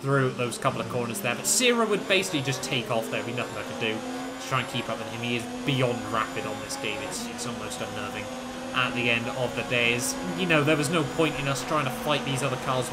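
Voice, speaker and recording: A man's voice: mid-range voice, brisk, heavy background noise. A man giving conversational, rambling commentary on a racing video game he played. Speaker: gaming video host, league racer.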